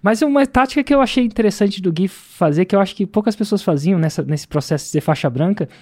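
A Brazilian man hosting a casual chat, telling stories in an animated way and laughing often. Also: high-pitched, fast talker. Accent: Brazilian Portuguese.

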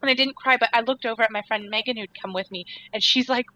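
A woman on a podcast giving an animated, giggly and dramatic account of watching a film. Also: fairly high pitch, fast talker, crowd noise, rough recording. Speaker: podcast guest. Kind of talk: casual chat.

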